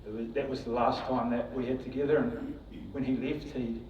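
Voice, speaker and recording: Flat-voiced son at a funeral. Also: male voice, medium pitch, a little hiss or hum. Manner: flat, halting and tender. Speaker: son giving a eulogy. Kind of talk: emotional funeral tribute. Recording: dull, distant, echoey sound.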